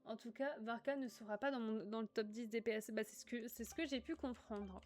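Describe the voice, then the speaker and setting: A woman's voice: fairly high pitch, fairly quick, faint music behind. A woman from northern France chatting casually with her viewers while playing a game on a livestream. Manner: chatty, reads chat aloud, sudden excited outbursts. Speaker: streamer. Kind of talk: casual gaming livestream chat.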